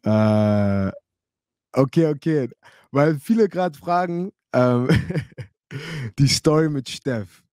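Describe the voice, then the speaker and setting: A man in his thirties tells stories to his stream chat in a loose, chatty way. He slips into the voices of the people he quotes and laughs along as he goes. His mid-pitched voice sits close and dry on the mic, with no room around it. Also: expressive, extremely slow, pauses often, mellow, no echo. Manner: chatty, acts out quoted dialogue, laughs often. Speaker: livestream host telling stories. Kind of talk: casual storytelling to a live chat.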